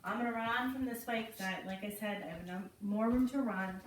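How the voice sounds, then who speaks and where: A woman teaching a children's ballet class, slowly naming and counting the steps as she demonstrates them. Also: medium pitch. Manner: slow, encouraging, counts and names steps while demonstrating. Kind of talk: online kids' ballet class instruction. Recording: roomy, from a distance, faint noise.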